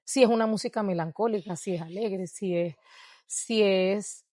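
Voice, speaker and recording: As an interview guest, the dancer and researcher from Venezuela speaks at medium pitch and a moderate pace in a slightly mellow voice. Her Venezuelan Spanish accent colors reflective answers punctuated by frequent laughs, recorded in studio quality with no room sound.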